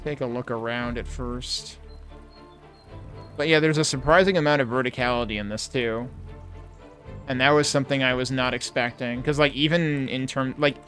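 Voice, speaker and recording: A man's voice: medium pitch, fairly even intonation, normal speed, fairly bright tone. A man giving casual gameplay commentary, thinking aloud in a critical, analytical way. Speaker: video game player and commentator. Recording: game music behind the voice.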